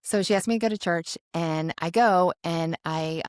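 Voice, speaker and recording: Young woman rambling through a story on a podcast, kinda low voice, very dry close sound. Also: moderate pace, no echo. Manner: chatty, frequent "like" and self-corrections; animated when quoting herself. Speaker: podcast co-host. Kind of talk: casual personal storytelling.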